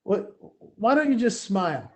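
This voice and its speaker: A man quoting a caring mother who gently scolds and teases her young son. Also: mid-range voice, big pitch swings, normal speed, lightly acted. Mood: gently teasing.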